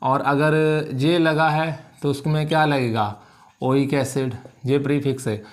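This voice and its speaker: A man's voice: medium pitch, steady tone, measured pace. A male chemistry teacher with a Punjabi accent, lecturing at a board and drilling each point by asking a question and then answering it himself.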